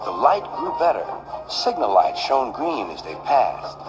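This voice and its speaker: A male storyteller reading a children's tale aloud with a mid-pitched, very animated voice that swoops through each sentence. Gentle music plays underneath the whole reading. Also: measured pace, muffled recording. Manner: lively, expressive read-aloud delivery. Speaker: narrator. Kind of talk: storybook narration.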